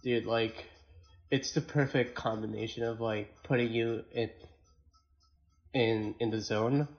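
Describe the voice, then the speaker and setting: A man chatting casually on a podcast in a laid-back, slangy way, often halting and repeating words. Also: medium pitch, fairly even intonation, dull audio. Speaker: podcast co-host or guest. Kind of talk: casual chat.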